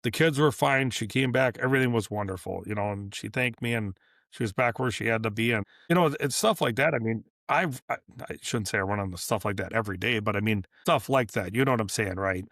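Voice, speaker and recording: A man with a fairly low voice tells a story from his shop in a casual, rambling way, looping back and acting out the dialogue. The sound is dry and close. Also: brisk, fairly bright tone, no echo. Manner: rambling, repeats and restarts, acts out dialogue. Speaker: business owner guest.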